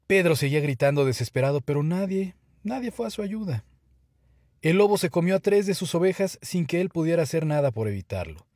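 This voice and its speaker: A man narrating a children's fable in an expressive, scripted storybook style. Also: medium pitch, dry recording, studio quality.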